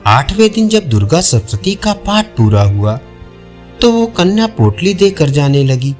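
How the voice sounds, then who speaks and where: A male storyteller reads a scripted folk tale in an unhurried way, his pitch rising and falling lively. Music plays behind his narration.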